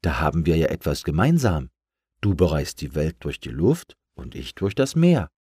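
A man voicing a friendly, unhurried sea turtle in a children's storybook. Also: a bass voice, very animated, mellow, husky, dry recording, clean studio sound, exaggerated voice. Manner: kind, unhurried.

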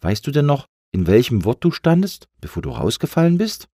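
A man's voice: mid-range voice, big pitch swings, slightly rough, dry recording, clean studio sound, pitched above the performer's own voice. A man voicing Lufti, an eager, encouraging young balloon in a storybook reading. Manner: encouraging, bright and quick.

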